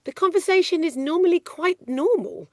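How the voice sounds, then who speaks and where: A middle-aged woman working in film casting, talking loudly and animatedly in a casual interview. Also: very high-pitched, normal speed, no echo, clean studio sound. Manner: loud, animated, chatty storyteller. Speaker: ADR casting coordinator.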